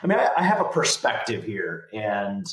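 Male interview guest, fairly deep, conversational delivery, recorded in a reverberant home room. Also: huge pitch swings, normal speed, fairly bright tone. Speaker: podcast guest, business leader. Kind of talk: casual interview chat. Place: home guest bedroom or office. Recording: roomy home echo.

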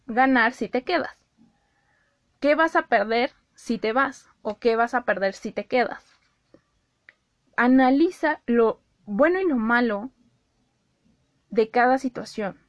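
A young Mexican woman talks straight to her audience in a casual vlog, her voice sitting a little high. She is animated and acts out her own inner back-and-forth. The sound is close and dry. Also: no room sound. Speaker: vlogger giving life advice. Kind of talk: casual direct-to-camera talk.

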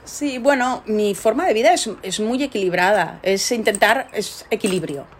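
A woman's voice: mid-range voice, normal speed, a little hiss or hum. A middle-aged woman scientist answering interview questions, telling her story with animation and many rhetorical tags. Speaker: scientist guest.

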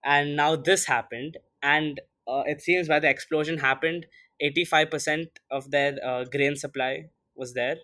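Bright-voiced teen boy co-hosting a podcast. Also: fairly high pitch, steady tone, a little slow. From India. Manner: casual, many fillers like "like" and "uh". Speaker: podcast co-host. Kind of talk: casual podcast chat.

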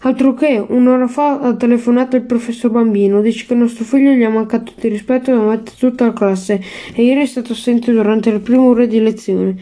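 A woman's voice: a little high, steady tone, a little fast, mellow, close to an everyday voice. A woman voicing an exasperated middle-aged father lecturing his son in a storybook. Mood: angry.

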